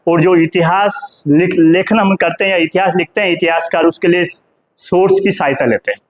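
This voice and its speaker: A middle-aged Indian history professor with a high voice lectures at normal speed, asking his class questions and answering them himself while calling the students "beta" and adding "hai na" again and again. The audio has its highs cut off and a little hiss or hum.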